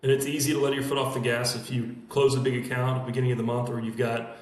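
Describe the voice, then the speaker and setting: A man talking fast in a casual team podcast chat, recorded in an emptied room with an echo. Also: mid-range voice, level tone. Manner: talks fast in long run-on thoughts. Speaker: sales team member. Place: room emptied out with bare walls. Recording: echoey bare room.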